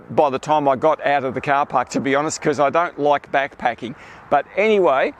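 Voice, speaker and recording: A man, telling a photography trip story in a chatty, self-deprecating vlog style. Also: fairly high pitch. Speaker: landscape photographer vlogger.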